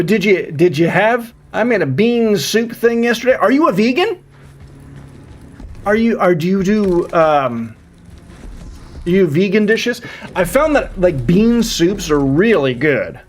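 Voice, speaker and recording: While gaming, a man in his thirties makes casual conversation with his stream's viewers. He rambles and repeats phrases often, speaking a bit slowly in a high, sing-song voice.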